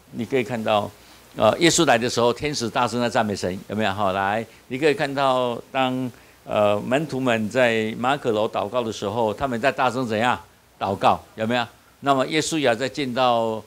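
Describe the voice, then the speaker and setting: A man preaching as a pastor, asking the audience questions and answering them himself, often tagging on "you know?". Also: medium pitch. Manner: repeats "你知道吗" often. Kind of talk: sermon at a small-group leader training.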